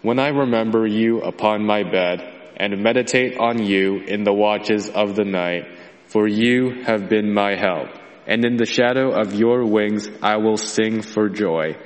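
A man reading scripture slowly and solemnly in a large church, his voice carried by a cathedral echo from far off. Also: fairly low pitch. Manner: slow, measured and solemn. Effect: cathedral echo, heard from far off. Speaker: scripture reader. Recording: far-off voice in a long-reverb church hall.

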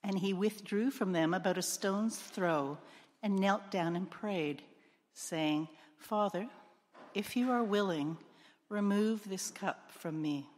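A woman's voice: mid-range voice, slow pace, darkish tone. A woman giving a solemn, formal liturgical gospel reading in a large, echoing church. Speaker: gospel reader, clergy. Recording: cathedral-like echo, long church reverb.

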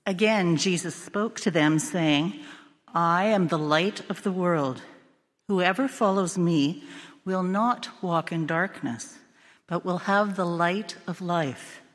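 A woman pastor reading the gospel in a steady, solemn cadence, her voice carried by cathedral echo. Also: on the low side, takes it slowly. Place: church sanctuary. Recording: long reverb of a church hall.

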